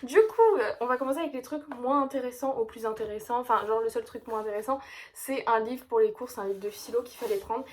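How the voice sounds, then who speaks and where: A woman's voice: on the high side, steady tone, fast talker, slight background noise. A young woman in her late teens from France, chatting casually and gushingly at home in a vlog, full of fillers. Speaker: vlogger. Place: at home indoors.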